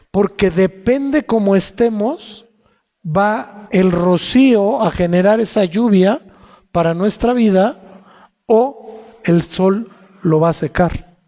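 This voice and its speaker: A man's voice: high voice, warm tone. A man with a Mexican accent preaching a sermon in a conversational way, often asking the congregation questions. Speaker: pastor. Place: church hall. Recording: long church hall reverb.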